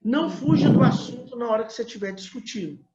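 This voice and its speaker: A man's voice: very high voice, fast talker, echoey room, muffled recording, background noise. A man from Minas Gerais, Brazil, a pastor teaching a couples class in a conversational way, full of filler tags and restarts. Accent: Brazilian Portuguese, Minas Gerais.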